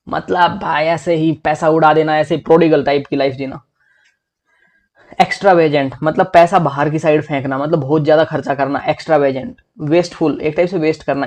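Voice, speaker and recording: A young man teaching English vocabulary for exams in a lively, chatty way, often calling his listeners "bhai". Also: a little high. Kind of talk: exam-prep vocabulary lesson.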